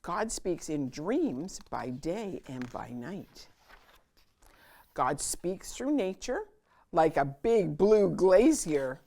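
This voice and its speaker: A woman leads a children's storytime, reading a picture book aloud with a lilting, sing-song expressiveness and dramatic pauses. Her voice is on the lower side.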